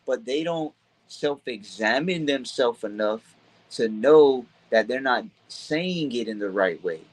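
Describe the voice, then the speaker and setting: A man hosts a laid-back scripture discussion in a mid-range voice. He explains each point patiently, reads the verses slowly, and keeps checking that his listener is following. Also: mid-range voice, animated, poor audio. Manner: teaching, often checks in with "right?". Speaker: podcast host leading a scripture study. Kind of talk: casual religious discussion.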